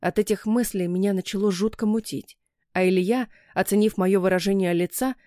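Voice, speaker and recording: A woman reading a first-person audiobook in a measured storytelling manner. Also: medium pitch, steady tone, dark tone, no echo, clean studio sound. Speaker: audiobook narrator.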